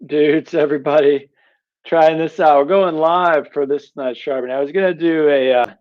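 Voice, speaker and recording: A man's voice: on the high side, steady tone, moderate pace, muffled recording. A man hosting a casual live stream from his workshop, chatting to viewers through a headset mic while he works. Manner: rambling, chatty, talks to viewers while working. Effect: livestream headset mic audio. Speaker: knife sharpening host. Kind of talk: casual livestream chat.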